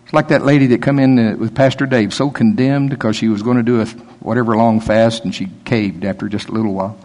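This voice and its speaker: A man's voice: medium pitch, fairly even intonation, quick pace, darkish tone. A male pastor giving a conversational sermon, joking and laughing as he talks.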